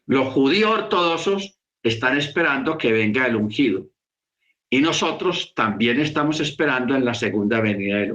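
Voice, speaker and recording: A man teaching a congregation in a sermon, explaining slowly and repeating key words for emphasis. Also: mid-range voice, sharp tone, echoey room, lo-fi sound. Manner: slow, repetitive, emphatic explaining.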